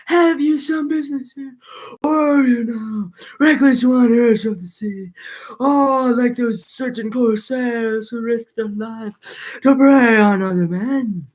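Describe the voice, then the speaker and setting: A woman voicing old King Nestor in a high, airy, strained old man's voice, questioning his guests. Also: slow pace, a little mellow. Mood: probing. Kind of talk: amateur dramatic reading.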